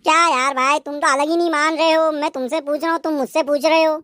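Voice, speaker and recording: Fields: Figure: a woman doing a whiny young brother-in-law. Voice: high, dry. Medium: cartoon. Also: fairly even intonation, fast talker, fairly bright tone, no echo. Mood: pestering. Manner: whining, pestering.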